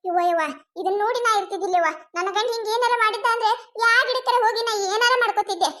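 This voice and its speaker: Woman voicing a shrill, quarrelsome village wife. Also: fairly even intonation, quick pace, sharp tone. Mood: scolding. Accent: North Karnataka Kannada. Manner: shrill scolding, wailing and mocking. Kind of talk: cartoon comedy voice acting.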